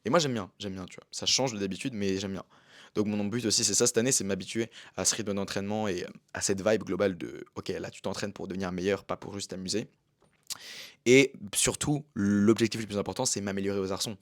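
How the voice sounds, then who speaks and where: A man's voice: fairly low pitch, fairly even intonation, fairly quick, no echo, studio quality. A young man in casual chat about his gymnastics training, talking in a slangy, rambling way with many fillers. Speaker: vlogger and amateur gymnast.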